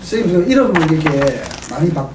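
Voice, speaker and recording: A man hosting, asking polite interview questions in a brisk way. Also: on the high side, very animated, far from the mic, background noise. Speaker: host. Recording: roomy, off-mic, crowd behind.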